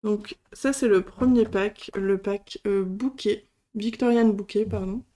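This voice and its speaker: A woman's voice: medium pitch, steady tone, unhurried, warm tone. A woman hosting a casual product demo, speaking hesitantly with many fillers as she shows items one by one. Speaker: craft channel host.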